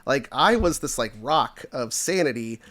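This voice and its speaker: A man's voice: medium pitch, lively intonation, measured pace, fairly bright tone. A man in his late thirties, a podcast guest, telling a personal story in a rambling, casual way full of fillers. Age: 30s.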